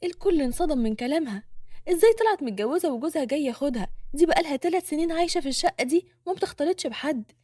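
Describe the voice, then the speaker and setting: Egyptian woman reading a drama story, high and fast, dry close mic. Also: expressive, a little mellow, no echo. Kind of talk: scripted story narration.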